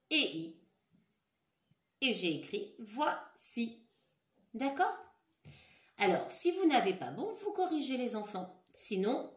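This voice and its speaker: A woman teacher leading a dictation for young children, patient, repeating and stretching each word. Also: fairly high pitch. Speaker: schoolteacher. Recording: echoey room.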